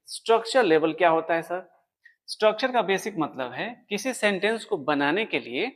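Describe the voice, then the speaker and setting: A man's voice: on the high side, a bit bright. Patient man teaching English grammar. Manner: explains step by step, asks questions and answers them; writes on a board while explaining. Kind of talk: classroom lesson explaining grammar.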